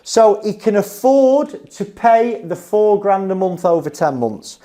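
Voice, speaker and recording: Relating business anecdotes in an informal way, a Northern English insolvency adviser is blunt and emphatic, often tossing in "okay?" or "right?". His voice sits high, with a dark tone, lively intonation, and a slightly slow pace.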